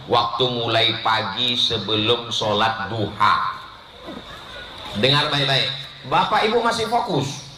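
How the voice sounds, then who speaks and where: A man's voice: medium pitch, sharp tone, a little hiss or hum. A middle-aged man preaching a live sermon, playful and joking, acting out little scenes and quizzing his congregation. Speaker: Islamic preacher. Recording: roomy hall reverb.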